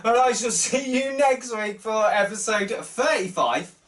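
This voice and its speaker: A man's voice: a little slow, a bit bright. Chatty man in his thirties. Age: 30s. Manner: chatty, upbeat, jumps in pitch for emphasis. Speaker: wrestling news show host. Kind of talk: casual solo news chat to camera. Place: small wood-panelled room full of wrestling posters. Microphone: webcam close up, then wide desk camera.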